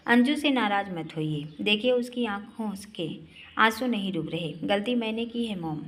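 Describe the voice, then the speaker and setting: A woman's voice: mid-range voice, expressive, normal speed, fairly bright tone, natural voice. A woman voicing a remorseful young man apologizing anxiously to his mother. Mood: apologetic.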